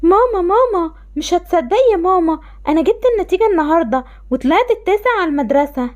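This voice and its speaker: A woman's voice: extremely high pitch, animated, quick pace, dull audio. A woman doing a spoiled, bratty sister. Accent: Egyptian Arabic. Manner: bratty, selfish. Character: spoiled, selfish older sister. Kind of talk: voiced game-animation story.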